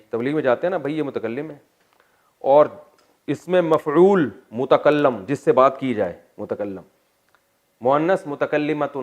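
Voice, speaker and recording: Pakistani guy teaching a quran class, slow drills then quick jokes. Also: medium pitch. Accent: Pakistani Urdu. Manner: drills word forms slowly, then quick asides to the class; jokes with students. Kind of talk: classroom lecture on Arabic grammar.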